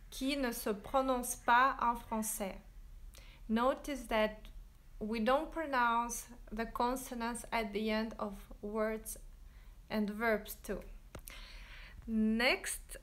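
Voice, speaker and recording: A woman teaching French in a livestream, drilling verb forms slowly and switching into English to explain. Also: fairly high pitch, a bit bright. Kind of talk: livestreamed language lesson. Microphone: phone livestream.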